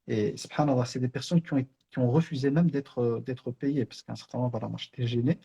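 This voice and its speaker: A man's voice: mid-range voice, fairly even intonation, fast talker, gravelly, mellow, breathy edge. A middle-aged man from Brussels, sharing an earnest personal spiritual reminder in a conversational storytelling way, full of fillers. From Belgium, Brussels. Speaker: online Islamic teacher.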